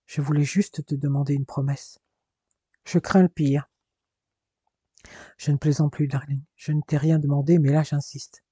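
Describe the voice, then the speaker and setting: A man voicing a tender man facing surgery, worried and soft-spoken, with a husky voice. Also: a little high, little pitch movement, measured pace, long pauses, dry recording, highs cut off. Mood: earnest.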